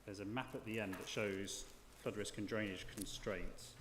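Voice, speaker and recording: Hesitant low-voiced man chairing a hearing. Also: steady tone, normal speed. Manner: hesitant, often repeating words as he phrases questions. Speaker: planning inspector chairing an inquiry. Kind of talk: formal questioning at a public hearing. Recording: echoey hall with clear background noise.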